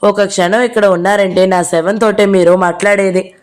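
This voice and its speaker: A woman's voice: medium pitch, steady tone, normal speed, lightly acted. A woman reading the lines of a distraught middle-aged mother who pleads and scolds between sobs, in a storybook reading.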